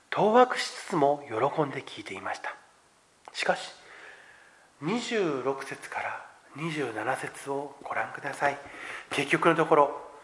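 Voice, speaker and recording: A male pastor with a slightly high voice delivers a sermon in an earnest, testimonial manner. He swings sharply between hushed, almost whispered phrases and loud, emphatic lines, with measured pauses between thoughts.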